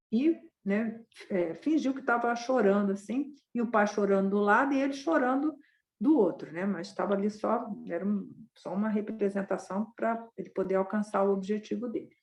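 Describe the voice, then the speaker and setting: A woman's voice: medium pitch, moderate pace, a little mellow. Woman telling a dharma story. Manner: conversational, constant tag questions. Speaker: Buddhist dharma teacher.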